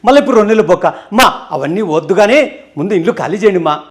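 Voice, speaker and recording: A man playing a blustering landlord in a comedy sketch, boasting loudly but secretly scared. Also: high voice, lively intonation, very fast, slightly rough.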